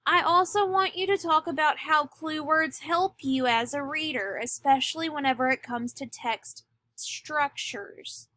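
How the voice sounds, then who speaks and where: A woman teacher giving a recorded lesson, speaking deliberately and stressing key words. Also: high-pitched, pushed and bright. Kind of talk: recorded classroom lecture.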